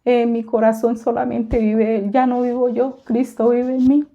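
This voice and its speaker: A woman's voice: on the high side, level tone, normal speed, narrow, tinny audio. A woman giving a fervent religious testimony to a congregation, repeating herself often and calling her listeners brothers.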